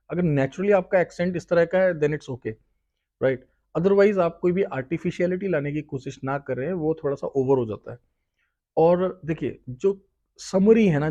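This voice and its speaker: A man's voice: mid-range voice, dark tone. A man, giving casual interview advice that mixes Hindi with English phrases and often checks in with "right?". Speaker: host giving job interview tips. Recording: slightly dull, lo-fi sound.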